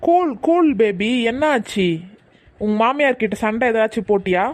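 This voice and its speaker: A harried husband, played by a performer in a comedy skit who is stuck between his wife and his mother. He pleads and placates in a mid-pitched voice, trying to calm everyone down. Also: moderate pace, natural voice. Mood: placating.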